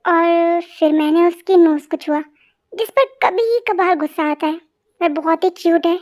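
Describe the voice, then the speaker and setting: A woman voicing a patient, teasing young husband in an amateur fan dub, speaking softly and coaxingly. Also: extremely high pitch, measured pace, voice pushed down. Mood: tender teasing.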